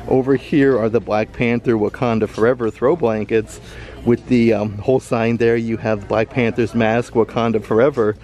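A man vlogging a casual walkthrough of a large store, upbeat and reading out prices as he browses. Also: medium pitch. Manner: upbeat, reads out prices, excited about bargains. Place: large indoor retail store. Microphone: handheld camera, filming himself from behind it.

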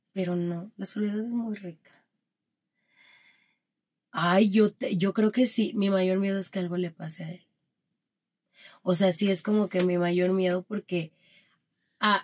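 A woman with a Mexican Spanish accent talks as a guest in a casual interview. She tells stories with energy and plays out each exchange in the voices of the people involved. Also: mid-range voice. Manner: animated storytelling that acts out quoted dialogue.

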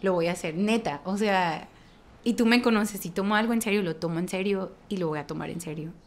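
A woman with a Mexican accent, a worship leader, telling a story in lively conversation, laughing often and restarting her phrases with emphasis. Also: medium pitch, a little fast.

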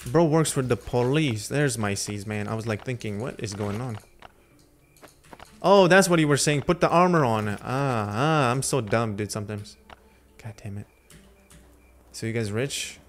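A young man livestreams from his home streaming room, and a little hiss or hum runs under his medium-pitched, moderately paced voice. Native in Lithuanian, he chats casually with viewers through a headset, rambling in slang and replying to chat between moves.

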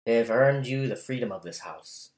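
A man's voice: medium pitch, moderate pace, a little mellow, lightly acted. A man voicing a grieving wealthy widow who speaks with formal, polite authority. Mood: gracious. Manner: formal, polite commanding speech. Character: grieving wealthy widow, woman, gracious yet scheming. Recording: roomy echo.

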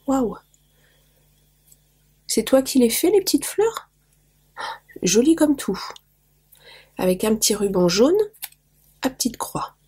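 Her voice a little high, warm and husky, this craft vlogger is very animated yet unhurried, pausing often. She's losing her voice as she opens mail and casually fawns over little details for her viewers.

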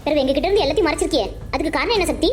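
A pushy young woman in a cartoon, teasing her friend with one needling question after another, voiced by a woman. The voice is very high and the questions tumble out fast. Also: expressive. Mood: prodding. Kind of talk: Tamil cartoon dub.

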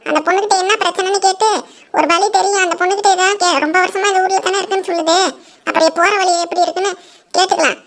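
A woman's voice: extremely high pitch, steady tone, fast. A woman voicing a bossy, scolding old village mother-in-law in a cartoon. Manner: bossy, scolding, sharp commands. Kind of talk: cartoon voice acting. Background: background music.

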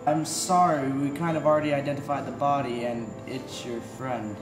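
A man's voice: medium pitch, steady tone, moderate pace, over loud music, close to an everyday voice. A teenage boy acting as an apologetic young police officer in a student film, matter-of-fact. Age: teens.

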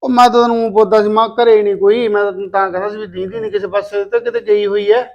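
A man playing a timid, fast-talking son. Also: high-pitched, fairly even intonation, lo-fi sound, natural voice. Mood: puzzled. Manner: timid, worried. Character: timid young adult son, anxious. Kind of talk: village comedy short film acting.

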